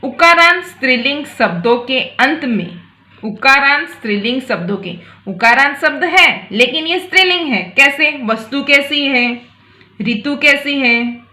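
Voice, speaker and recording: A woman teacher giving a grammar lesson to children, reading words aloud slowly and repeating each one for her pupils. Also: sits high, expressive, bright, forceful tone, roomy sound. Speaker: school teacher.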